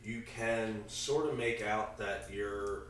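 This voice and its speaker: A man's gravelly, allergy-congested voice comes through from a distance in a very echoey room. It sits fairly low as he casually, haltingly runs a tabletop role-playing game. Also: fairly bright tone. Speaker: game master. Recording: echoey room, far from mic, faint noise.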